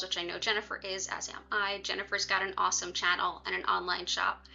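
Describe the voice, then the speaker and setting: A woman with a bright, forward voice chats casually to livestream viewers, dropping in little asides as she goes. The sound is slightly muffled and lo-fi, with music playing behind her. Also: mid-range voice, vocal fry. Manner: conversational, chatty asides to viewers. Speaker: livestream host and reiki practitioner.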